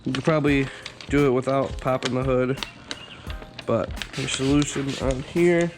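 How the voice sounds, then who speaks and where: Still raspy and hoarse after waking, this car vlogger speaks into a handheld camera as he walks through an install for his vlog. He's relaxed and rambling, leaning on lots of fillers, with a medium-pitched voice at a moderate pace. Music runs in the background.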